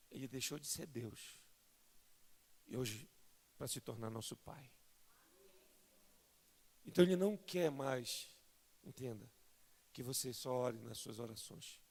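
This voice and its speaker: A Brazilian man preaching a fervent sermon as a pastor, swelling from soft to loud and often calling listeners "querido". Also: mid-range voice, unhurried, gravelly, pauses often, breathy edge. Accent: Brazilian Portuguese. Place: large church sanctuary. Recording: long hall reverb in church.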